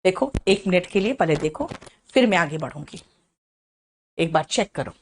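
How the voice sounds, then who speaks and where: A middle-aged woman teaching an English vocabulary class in chatty Hindi, checking in with her students often and reading English definitions slowly. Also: on the low side, expressive, a little hiss or hum. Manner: explains in chatty Hindi, mixing in English phrases, with frequent "है ना?" check-ins.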